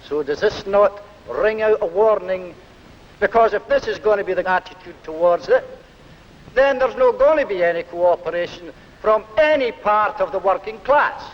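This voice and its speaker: A man's voice: high-pitched, expressive, normal speed. A man making a public speech as a trade union speaker. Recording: echoey hall, faint hiss, dull.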